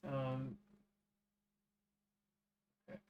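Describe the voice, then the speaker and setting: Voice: medium pitch, huge pitch swings, drawn-out words, a little mellow. A streamer chatting and joking casually while starting a game stream. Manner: joking, teasing. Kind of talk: casual chat while gaming.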